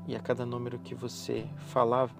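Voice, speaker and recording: A man speaks softly at a medium pitch, with noticeable fry in his voice. He guides a hypnotic relaxation in slow, repetitive, soothing phrases, leaving pauses between them. Music plays clearly behind him. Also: monotone. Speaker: hypnotherapist guiding a relaxation session. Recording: voice over background music.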